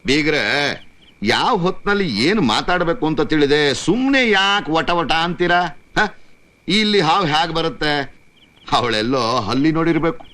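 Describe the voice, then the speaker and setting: A curt husband who brushes off the panic. His voice is bright and somewhat high. Faint film music runs under him. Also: big pitch swings, fast, hardly any pauses. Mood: dismissive. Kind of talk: 1990s film drama.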